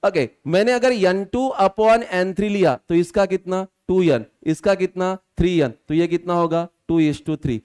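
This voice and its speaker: A male physics teacher, lecturing a class, quizzing students and slowly dictating formulas. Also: high-pitched, darkish tone, clear, resonant tone.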